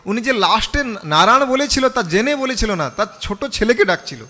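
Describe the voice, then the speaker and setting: A man's voice: sits high, very animated, normal speed, pushed and bright, long reverb tail. A man, a monk, preaching a scripture sermon, asking the audience questions and leading them in chanting. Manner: call-and-response, chants the mantra with the audience.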